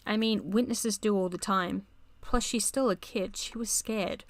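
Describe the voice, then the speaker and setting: A woman's voice: mid-range voice, unhurried, dry recording, close to an everyday voice. Guilt-ridden young male attorney, anxious, read plainly by a woman with a dry sound. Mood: remorseful. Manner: read aloud from a chat log.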